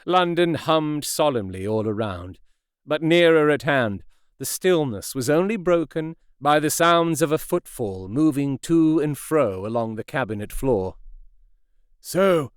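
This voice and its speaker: A man narrating a classic novel as an audiobook in a measured, expressive way. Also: a little high, clear, resonant tone, no echo, clean studio sound. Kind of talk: scripted narration.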